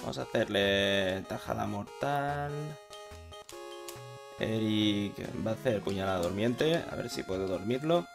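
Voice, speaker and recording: A man's voice: fairly low pitch, a little slow, creaky, music in the background. A man with a Spain Spanish accent giving casual, swearing commentary while playing a video game. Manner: swearing, chatty, talking to himself while playing. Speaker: gaming channel host.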